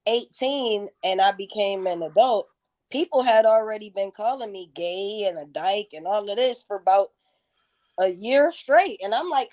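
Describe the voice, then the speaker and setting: A woman's voice: mid-range voice, a little mellow. A woman in her thirties, a guest in a casual interview, telling stories bluntly with plenty of profanity. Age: 30s.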